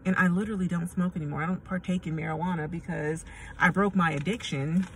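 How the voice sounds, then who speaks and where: A woman's voice: on the low side, steady tone, quick pace. A middle-aged American woman giving a casual, rambling talk to camera in a blunt, slangy, conversational way. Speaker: vlogger. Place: inside a car. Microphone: phone at arm's length. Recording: distant mic, noisy car ambience.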